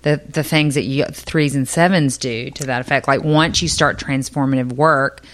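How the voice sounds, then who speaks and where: Low-voiced woman co-host. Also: steady tone, moderate pace. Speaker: podcast co-host. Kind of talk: conversational chat.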